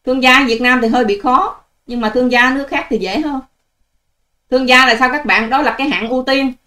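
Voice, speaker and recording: A woman's voice: sits high, brisk, sharp tone. An older woman, hosting her own channel in a combative, scolding and sarcastic vlog rant to her viewers. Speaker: online channel host. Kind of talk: ranting vlog monologue to viewers.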